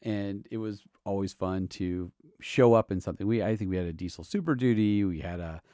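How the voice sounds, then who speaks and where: A middle-aged man and podcast host, from Southern California, sharing fond, halting memories in a personal tribute, with soft laughs between thoughts. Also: lowish voice, dry recording, clean studio sound. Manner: halting, tender, fond laughs while reminiscing. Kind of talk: personal tribute, emotional storytelling.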